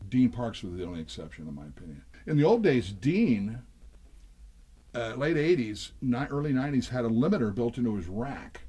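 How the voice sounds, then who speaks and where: An older man with a husky, slightly breathy voice spins long studio anecdotes. He wanders through them with fillers and restarts, sitting at a middle pitch for a man. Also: very animated, normal speed, warm tone. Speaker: session drummer guest. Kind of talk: storytelling interview chat.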